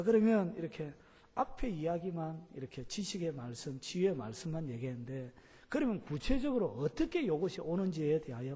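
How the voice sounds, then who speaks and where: Pastor guy preaching, husky and kinda dark, keeps asking the congregation stuff, big echoey church. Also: fairly high pitch. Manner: keeps filling with "like this", asks the congregation questions. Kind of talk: sermon teaching. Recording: long church hall reverb.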